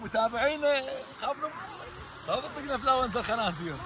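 A man in his thirties with an Iraqi Arabic accent, exclaiming excitedly as he vlogs casually while standing in ice cold water. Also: very high-pitched. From Iraq. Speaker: vlogger. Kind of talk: casual selfie vlog. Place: outdoors, in a lake beside a fountain. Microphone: phone at arm's length. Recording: noisy outdoor phone audio, rushing water.

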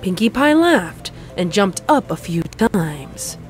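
A woman narrating a fan story in an even storybook reading. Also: mid-range voice, slow, soft background music. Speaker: fanfic narrator. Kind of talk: scripted narration.

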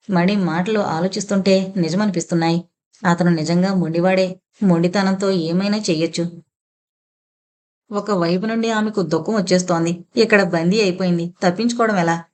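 A woman narrates an audio novel in a steady storytelling manner. Her voice sits slightly low in pitch as she reads the prose passages. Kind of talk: scripted novel reading.

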